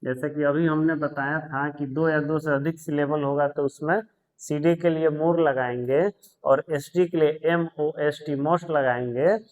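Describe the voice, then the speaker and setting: A man teaching English grammar in a patient lesson, repeating words, spelling them out and telling students to pause and take notes. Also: on the high side, steady tone, a little mellow, poor audio. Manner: tells students to pause the video and write notes. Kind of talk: slow explanatory grammar lesson.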